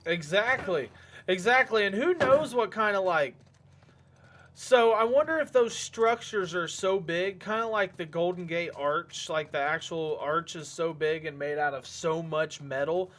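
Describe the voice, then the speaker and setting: A man's voice: high-pitched, measured pace, a bit bright. A man streaming a game with rambling, joking casual commentary.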